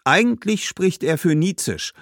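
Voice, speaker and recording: Guy putting on a bubbly market girl, squeaky high and loud, gushing about her city, dry close sound. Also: expressive, measured pace, dry recording, full character voice. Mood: enthusiastic. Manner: enthusiastic, talkative, high-pitched. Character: lively Carthaginian market girl, chatty and proud. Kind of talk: storybook character voice.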